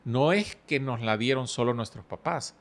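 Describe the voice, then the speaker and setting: In a laid-back podcast chat, a middle-aged male guest talks at a normal pitch with a calm, measured delivery. Personal anecdotes and everyday comparisons are how he unpacks his thinking.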